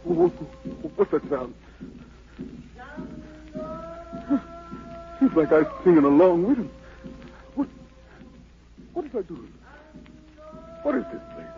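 An actor playing a proud, desperate fugitive emperor with a Southern American accent and anguished, pleading delivery in a radio drama. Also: male voice, high voice, wildly swooping pitch, slow pace, gravelly, pauses often, soft background music, full character voice. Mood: terrified, pleading. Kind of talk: 1940s radio drama acting. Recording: dull 1940s radio broadcast.

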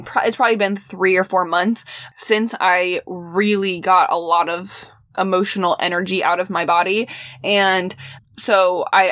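A woman's voice: medium pitch, a bit bright, dry recording, studio quality. A young woman casually telling a personal story in a vlog from inside her van, chatty and full of "like" fillers. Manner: chatty, frequent "like" fillers, laughs while telling. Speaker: van life vlogger.

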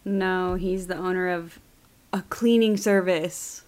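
A woman's voice: fairly low pitch, steady tone, slow, darkish tone. A woman co-hosting a comedy podcast who giggles a lot and often breaks into exclamations. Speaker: podcast co-host. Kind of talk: casual comedic chat.

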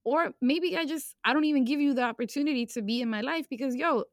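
A woman's voice: high-pitched, quick pace, no echo, studio quality. A young woman talking candidly about her past in a personal conversation, emotional and casual, with slang and swearing.

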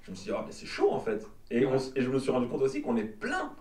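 A man's voice: medium pitch, huge pitch swings, fast, a little mellow, far from the mic. A man from Belgium, casually chatting as host and rambling as he repeats words while he searches for them. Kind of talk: casual chat. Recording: roomy sound from off-mic.

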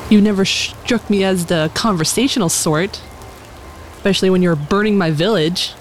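Game heroine, acted by a woman: earnest, defiant, questioning adventurer, medium pitch. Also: normal speed, close to an everyday voice. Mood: defiant, indignant. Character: confused, defiant good-hearted female adventurer. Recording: faint rain noise behind.

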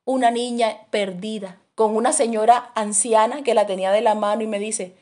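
A woman's voice: fairly high pitch, normal speed. A woman teaching a Bible lesson, telling stories animatedly and acting out voices. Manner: animated storytelling, acts out voices in her anecdotes. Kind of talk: sermon teaching.

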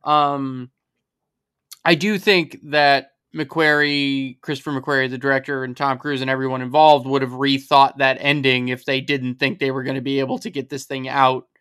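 A man's voice: mid-range voice, flat delivery, normal speed, fairly bright tone, clean tone. A man co-hosting a film podcast as a box office analyst. He rambles and thinks aloud, often restarting his sentences. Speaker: staff writer and box office analyst, co-host. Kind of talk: casual podcast chat.

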